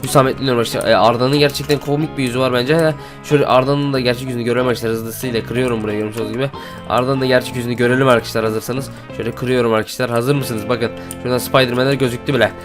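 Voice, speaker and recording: A man hosting Minecraft gameplay commentary, excitable and constantly calling out to his viewers. He talks at breakneck speed in a mid-pitched voice, with faint music playing underneath. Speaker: gaming channel host.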